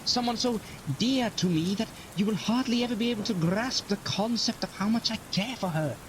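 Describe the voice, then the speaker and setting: A man's voice: high-pitched, fairly quick, noisy background, natural voice. A man playing a secretive, mournful time-travelling alien Doctor in an audio drama, speaking in a theatrical, hesitant way. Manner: hesitant, theatrical, with sighs and deflections.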